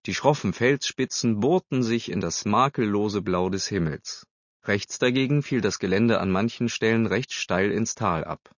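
A man reading a story aloud as narrator, steady and measured. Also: on the low side, dry recording. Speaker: audiobook narrator. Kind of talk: scripted narration. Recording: slightly dull dry recording.

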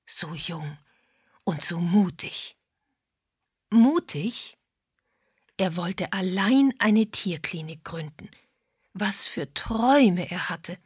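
A woman reading an audiobook, voicing a timid, tearful wife who talks in a wistful, hushed way. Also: fairly low pitch, animated, takes it slowly, long pauses, husky, no room sound, clean studio sound, exaggerated voice. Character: timid, tearful middle-aged village wife.

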